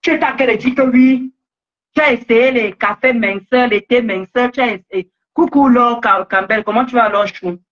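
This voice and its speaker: Woman, 40s, confrontational live streamer greeting viewers, dull lo-fi audio. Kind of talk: casual live-stream talk. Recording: muffled low-fidelity live stream audio.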